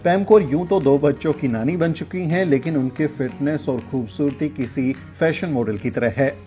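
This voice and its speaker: A man's voice: fairly high pitch, normal speed, mellow, faint music behind. A man hosting a vlog, narrating and interviewing on city streets with energy, mixing Hindi and English. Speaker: host and vlogger.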